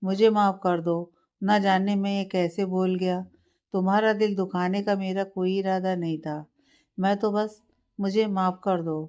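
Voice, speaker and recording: A woman voicing a young husband who speaks softly and pleadingly to his wife, on a slightly muffled lo-fi recording. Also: mid-range voice, steady tone, unhurried, clear, resonant tone, lightly acted. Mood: remorseful. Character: young husband, tender and hurt.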